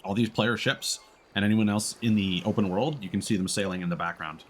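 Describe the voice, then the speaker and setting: A game streamer gives casual live commentary, thinking aloud as he plays, in a lowish, brisk, slightly rough voice. Faint game noise and ambience sit behind him.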